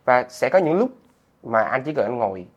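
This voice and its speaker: A man's voice: medium pitch, very animated, normal speed, lo-fi sound. A young man with a southern Vietnamese accent, a comedian guest chatting casually and telling stories with animation.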